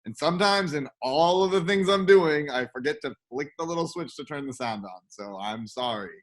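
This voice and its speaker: A man co-hosting and producing a casual show, chatting in hurried run-on explanations. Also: on the high side, expressive.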